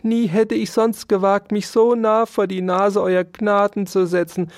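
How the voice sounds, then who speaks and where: A storyteller voicing a poor, self-pitying female field mouse who pleads and wails in a very high, strained voice. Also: flat delivery, unhurried, no room sound, studio quality, close to an everyday voice. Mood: wailing.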